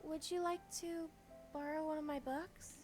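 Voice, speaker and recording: High, soft-spoken shy schoolgirl from a visual novel, played by a man, halting delivery, game music underneath. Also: little pitch movement. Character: shy stammering teenage schoolgirl, quiet and bookish. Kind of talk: reading a visual novel aloud.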